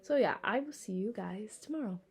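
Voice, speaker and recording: A woman's voice: mid-range voice, expressive, a little fast, heavy background noise. A sleepy young woman vlogging casually, rambling with lots of fillers and yawns. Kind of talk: casual vlog talk.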